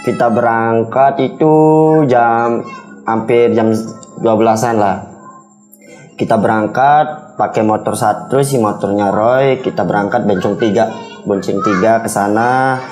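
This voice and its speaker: A young man, appearing as a guest, casually tells of a ghost experience over background music. He speaks in a fairly low, steady, unhurried voice with a darkish tone, rambling and repeating himself colloquially and sometimes slipping into quoted dialogue.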